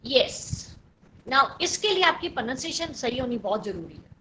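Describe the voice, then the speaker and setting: Encouraging Indian woman teacher, high voice. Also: very animated, normal speed, sharp tone, a little hiss or hum, low-quality recording. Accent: Indian English. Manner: patient, encouraging, repeats praise and spells words out. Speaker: school English teacher. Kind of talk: online class, mixing English and Hindi.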